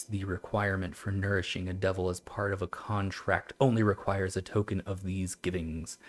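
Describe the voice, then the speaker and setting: A man streaming a game, chatting and reading old-style text aloud in a halting, stumbling way, laughing at himself. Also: on the low side. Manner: self-mocking, laughs often. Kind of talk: let's-play commentary with reading aloud.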